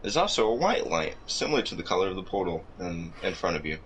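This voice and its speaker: A man narrating as game master of a tabletop game, halting often with uhs. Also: low-pitched, sing-song, fairly bright tone, slight background noise, poor audio.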